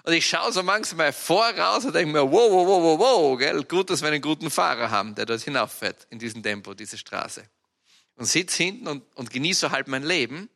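A man with an Austrian accent preaching a sermon, telling personal stories in a lively, animated way with sudden loud outbursts. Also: fairly high pitch, normal speed, vocal fry. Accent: Austrian German.

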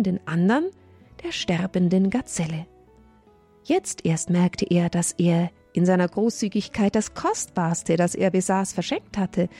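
A woman narrating a children's story in an expressive, melodic way. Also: mid-range voice, slightly rough.

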